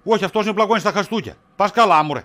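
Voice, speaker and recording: A man's voice: medium pitch, animated, a bit bright, natural voice. A man playing a teasing, cagey friend. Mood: evasive. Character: teasing friend, middle-aged man named Kostas. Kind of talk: comedy sketch acting.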